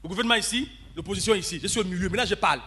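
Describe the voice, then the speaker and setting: A man preaching a storytelling sermon in church, acting out dialogue and swinging between shouting and low murmurs. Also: rapid-fire, slightly rough. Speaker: pastor.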